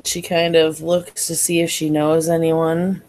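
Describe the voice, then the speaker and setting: A woman plays a tabletop game and describes her character's actions thoughtfully. She talks slowly, and her voice is on the low side. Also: level tone, a little mellow. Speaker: player.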